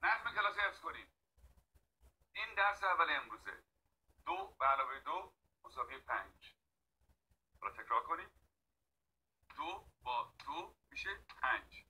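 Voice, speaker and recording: Bossy teacher drilling the class, sharp bright voice all over the place. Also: male voice, on the high side, animated, long pauses, a little hiss or hum, low-quality recording. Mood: stern. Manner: barking orders, drilling the class. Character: stern authoritarian male teacher, domineering. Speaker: strict schoolteacher. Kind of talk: film drama acting.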